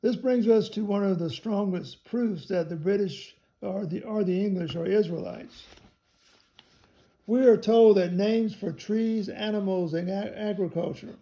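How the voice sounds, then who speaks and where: A man reading a theology text aloud in a measured way, spelling out some words letter by letter. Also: sits high, warm tone.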